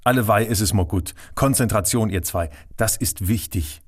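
A man's voice: on the low side, moderate pace, close to an everyday voice. A man voicing a stubborn middle-aged craftsman father who speaks in a broad Saarland dialect, blunt and theatrical. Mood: impatient. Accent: Saarland German.

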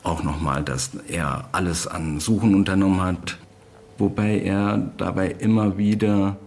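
A man's voice: low voice, fairly even intonation, measured pace, darkish tone, slight background noise. A man, a photo reporter, recounting what he heard and saw in an interview. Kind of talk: interview account.

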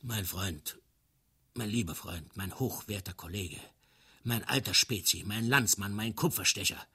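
A man's voice: mid-range voice, moderate pace, bright, forceful tone, slightly rough. A man voicing a panicked young soldier who dreads going to war, pleading in a theatrical, long-winded way. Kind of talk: dramatic literary reading.

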